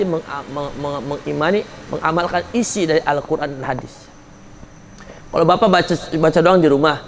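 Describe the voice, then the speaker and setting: A man's voice: on the high side, slight background noise. A man preaching a sermon at a religious study gathering, turning to his listeners with casual colloquial asides and rising sharply when he scolds. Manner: casual colloquial asides addressing the men in the audience.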